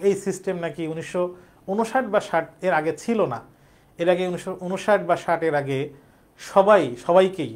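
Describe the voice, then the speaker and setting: A young man teaching an exam-prep grammar lesson, explaining step by step and repeating words aloud. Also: high-pitched.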